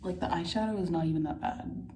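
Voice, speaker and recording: A woman's voice: fairly low pitch, fast talker, dark tone. A giggly, tipsy woman rambling through a casual makeup tutorial, swearing and poking fun at herself. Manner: self-deprecating, sweary. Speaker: beauty vlogger. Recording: roomy, distant mic, faint noise.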